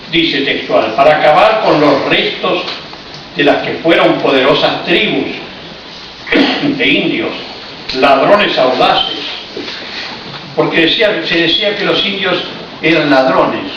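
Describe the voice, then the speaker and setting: A slightly high-voiced man from Argentina, speaking with an Argentine Spanish accent, delivers a reflective, explanatory history talk with ironic asides at a cultural hall in Paris. It was captured from a distance, leaving the audio echoey, muffled, and noisy.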